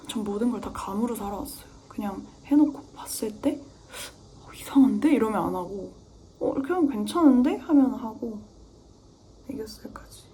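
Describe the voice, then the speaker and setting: A young woman chats through her daily makeup routine in a soft, mellow voice, talking to herself as much as to the viewers. When she concentrates she drops to a near-whisper. A faint hum of room noise sits behind her. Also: medium pitch. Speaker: beauty vlogger. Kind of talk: chatty get-ready-with-me makeup vlog.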